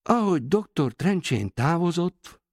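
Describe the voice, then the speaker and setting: Gravelly, expressive male audiobook narrator. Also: fairly high pitch, no room sound, clean studio sound. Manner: expressive, varied intonation. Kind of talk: scripted narration.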